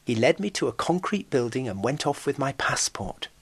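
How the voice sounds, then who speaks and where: A man's voice: mid-range voice, very animated, moderate pace, breathy edge. A middle-aged man from Britain narrating a scripted radio travel report with wry, storytelling delivery. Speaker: foreign correspondent.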